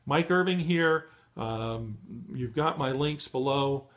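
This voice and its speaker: A middle-aged man giving a motivational training talk to beginners, encouraging and full of fillers and restarts, his voice going hoarse. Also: mid-range voice, slow, fairly bright tone. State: losing his voice. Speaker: online marketing trainer.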